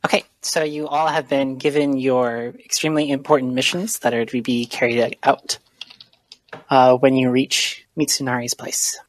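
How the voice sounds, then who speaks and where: A woman narrating a tabletop role-playing game as game master, with many pauses and ums. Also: a bass voice, steady tone, no echo.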